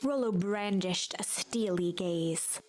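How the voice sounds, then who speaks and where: A measured storybook narrator guiding a game's tale, voiced by a woman. Her pitch sits in an ordinary middle range. She tells the story in an even, scripted way. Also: faint music behind, lightly acted. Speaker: game narrator.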